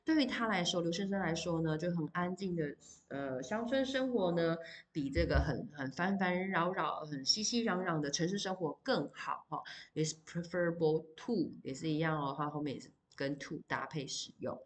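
In a recorded vocabulary lesson, a high school English teacher with a low voice explains words in Mandarin and reads the English examples slowly. She addresses her students directly, using fillers like 好 and 哦.

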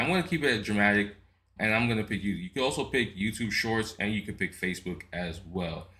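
A man with a lowish, bright, forceful voice hosts a casual screen-recorded tech tutorial, walking through a program step by step. He tags sentences with a chatty "right?" and often restarts what he's saying.

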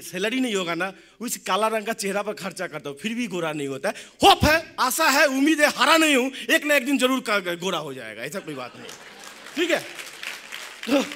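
A young man giving a motivational talk, telling jokes and stories in an animated way. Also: very high voice. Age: young adult. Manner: animated, joking storytelling. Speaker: motivational speaker.

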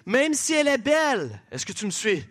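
A man preaching a sermon in a church with a Québécois French accent, animated and conversational, asking the congregation questions. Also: extremely high pitch, moderate pace. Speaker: pastor.

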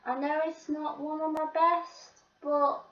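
A teenage girl vents her pet peeves to camera with plenty of swearing. Her voice sits high and she talks at an unhurried pace. The sound is roomy, a bit distant from the mic and dull, like a cheap home recording. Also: level tone, fairly bright tone. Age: teens. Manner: swearing, exasperated complaining. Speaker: vlogger. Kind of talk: ranting to camera.

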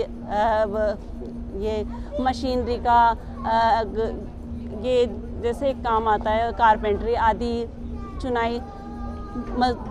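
A woman in her thirties, a weaver from a weaving village near Kota, explaining her craft earnestly with pauses and fillers at a craft fair stall, recorded by a camera a few metres away. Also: a little high. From Kaithoon, Rajasthan, India. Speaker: Kota Doria weaver and artisan. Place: indoor craft fair stall with saris on display.

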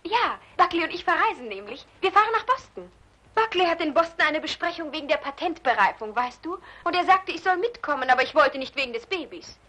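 A woman's voice: sits high, expressive, fairly quick, pushed and bright. A woman dubbing a cheerful young married daughter in a German film, talking in a breathless chatter. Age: young adult.

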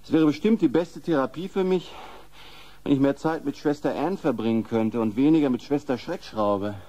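An actor playing a flirtatious, sarcastic, rebellious patient with a husky voice in a German horror radio play. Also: male voice, medium pitch, normal speed, warm tone, highs cut off, lightly acted. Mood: cheeky. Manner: insistent, cheeky.

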